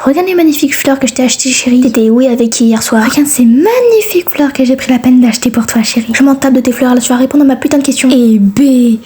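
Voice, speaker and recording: A woman's voice: high voice, expressive, fast talker, few pauses, dark tone, slight background noise. A young woman doing a comedic amateur fan dub, voicing several characters in a brash, slangy manner.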